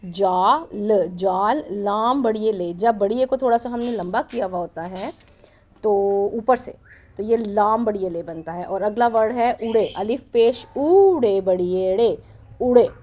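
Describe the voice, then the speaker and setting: A woman's voice: medium pitch, a little slow, a little mellow. A woman teacher reading a storybook aloud to young children, patiently spelling out the letters and asking questions as she goes.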